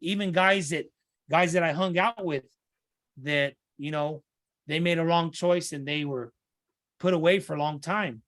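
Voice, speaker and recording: An earnest middle-aged man talks through his life story as a podcast guest. His voice sits a bit high, and the dry, close recording has no room sound. He restarts and repeats phrases as he finds his words. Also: measured pace, a bit bright, no room sound. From Santa Ana, California. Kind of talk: podcast interview conversation.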